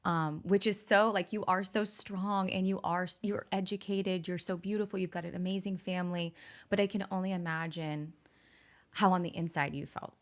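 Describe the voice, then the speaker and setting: A woman with a fairly low voice hosts a faith-centered interview. She speaks gently and affirmingly, drawing her guest out with soft, supportive questions. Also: steady tone, moderate pace. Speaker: podcast host.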